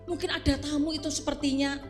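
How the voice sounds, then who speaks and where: A woman's voice: high-pitched, fairly even intonation, fast, soft background music, natural voice. A woman voicing a poor widowed mother who frets and pleads in a children's story. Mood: worried. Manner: pleading, fretful.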